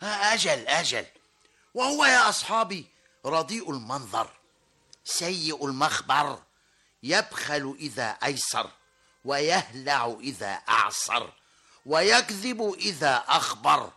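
A bitter Bedouin from an old radio drama, heaping rhymed insults on his enemy in slow, measured declamation. The voice is gravelly and husky but cutting and bright, and the pitch swings widely. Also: very animated, heavily acted. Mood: scornful. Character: bitter Bedouin man railing at his foe. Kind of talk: classical Arabic radio drama.

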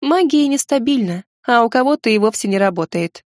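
A woman's voice: on the high side, expressive, a little fast, a little mellow, no echo, studio quality, lightly acted. A woman reading aloud, voicing a snappish, bitter young sorceress who shrieks and sulks.

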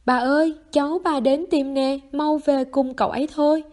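A woman voicing a plain-spoken, strong young man who talks gently and coaxingly in a story reading. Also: high voice, steady tone, normal speed, voice pushed up, natural voice.

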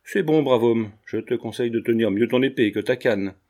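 A man's voice: medium pitch, brisk, darkish tone, natural voice. A man reading aloud and voicing an earnest, romantic young painter who speaks firmly. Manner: firm, earnest.

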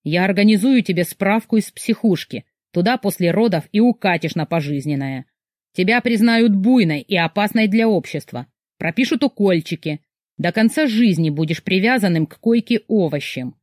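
Brutal raging ex-husband, voiced by a woman reader; menacing snarl into shouts, dry booth. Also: mid-range voice, lively intonation, normal speed, no room sound, natural voice. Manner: snarling threats, then screaming.

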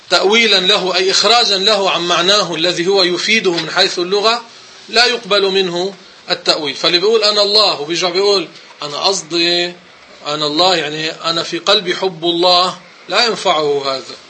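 A man's voice: high voice, fast talker, pushed and bright, a little hiss or hum. A man giving a religious lesson, commenting on a text and firmly correcting wrong sayings. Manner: emphatic, corrective explaining. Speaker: religious teacher.

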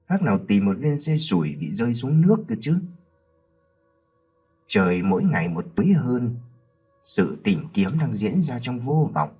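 A man narrating a horror story in a dramatic, expressive way. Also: lowish voice, husky.

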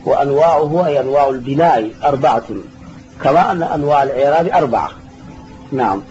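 In this classroom lesson, a male sheikh explains an Arabic grammar text at a quick pace, his medium-pitched voice carrying a darkish tone. He patiently repeats key terms and takes students' questions, all on a dull lo-fi recording with faint hiss.

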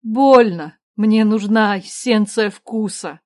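A woman's voice: medium pitch, a little mellow, no echo, clean studio sound, lightly acted. Woman playing a stammering starving peasant woman. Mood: desperate. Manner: stammering, sobbing, slow and pleading. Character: starving middle-aged peasant woman, frightened and desperate. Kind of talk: audiobook character voice.

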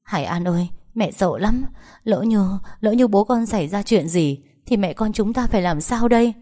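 A woman's voice: mid-range voice, lively intonation, normal speed, dark tone, pitched above the performer's own voice, natural voice. A woman doing a weeping, frightened older mother. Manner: tearful, pleading. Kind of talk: audiobook storytelling.

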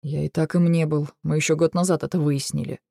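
A brooding male dragon with a stubborn streak and a calm, measured delivery, as a woman reads him in an audiobook. His voice sits a little low, mellow and soft-edged. The recording is dry and close. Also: gravelly, no room sound. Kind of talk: audiobook character reading.

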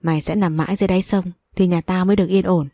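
A woman's voice: lowish voice, fairly even intonation, rapid-fire, dark tone, no echo, studio quality. A woman voicing a harsh, scheming older mother-in-law who scolds and commands in a storybook reading. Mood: menacing.

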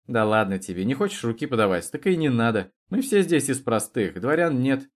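A man's voice: medium pitch, very animated, fairly quick. A man reading the lines of a blunt, mocking young male student with a coarse, plain-spoken way of talking.

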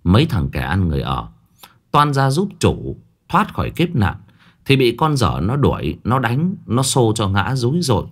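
A man narrating a ghost story with dramatic, expressive delivery. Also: mid-range voice, normal speed.

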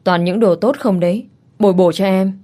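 A woman's voice: mid-range voice, fairly even intonation, moderate pace, close to an everyday voice. Woman reading a doting young husband. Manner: soft, caring, reassuring.

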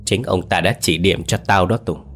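A man voicing a vengeful old man, roaring, menacing, low-pitched, ghost story. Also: fairly even intonation, normal speed, a bit bright, faint music behind. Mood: gloating. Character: vengeful old man commanding corpse spirits.

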